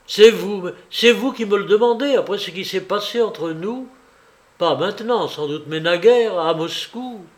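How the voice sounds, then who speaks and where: A male reader voicing a troubled young man who answers in hurried, jerky, bitter phrases, in a spoken novel reading. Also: high-pitched, pitched above the performer's own voice.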